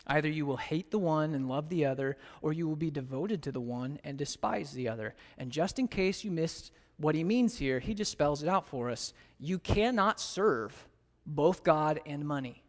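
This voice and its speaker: Animated American pastor in a reverberant hall. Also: male voice, moderate pace. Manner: animated storytelling, pitch leaping high in anecdotes. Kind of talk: sermon. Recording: long reverb of a large hall.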